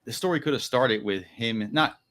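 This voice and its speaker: A man with a medium-pitched, slightly bright voice co-hosts a podcast, recapping a book in rambling, casual chat. He's full of "like" and "you know" and throws in quick acted quotes.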